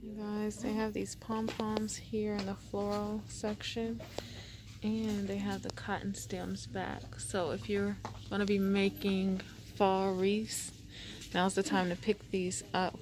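A woman's voice: mid-range voice, little pitch movement, a little slow, background noise. A woman narrating a casual shop-along vlog inside a large store, chatting to viewers about the items she passes. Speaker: shopping vlogger. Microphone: handheld phone camera. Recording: loud store ambience behind.

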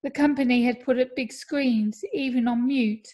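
A woman narrating a first-person audiobook in a measured, steady reading voice. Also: a little high. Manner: measured, steady reading with soft dips in level.

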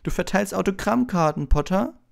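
A man voicing an arrogant, mocking schoolboy bully with a loud, cutting delivery in an audiobook reading. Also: high-pitched, animated, moderate pace, gravelly, pitched above the performer's own voice, full character voice. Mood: sneering.

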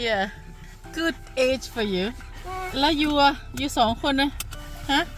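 A woman with a Thai accent chats casually for her vlog, her voice sitting a little high for a woman. She laughs often and slips English phrases into her talk. Soft music plays faintly underneath. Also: animated, very slow. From Thailand. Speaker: vlogger and mother.

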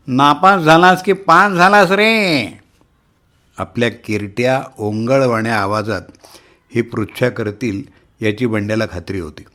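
A middle-aged man reading a humorous short story aloud, lively and shifting his voice to act out the characters. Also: mid-range voice. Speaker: story reader.

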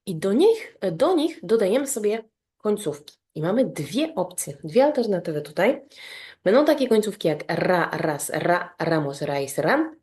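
Lowish-voiced woman teaching grammar. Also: a little mellow. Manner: explains step by step, often checks with "tak?"; spells out verb endings slowly and rhythmically. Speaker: Spanish teacher. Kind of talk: online grammar lesson.

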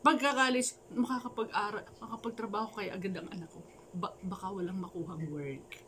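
A woman's voice: mid-range voice, fairly even intonation, brisk, fairly bright tone, a little hiss or hum, low-quality recording. Playful Filipino-language woman storyteller. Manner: playful, joking asides and laughter. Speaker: storyteller vlogger. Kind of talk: casual storytelling with a life lesson.

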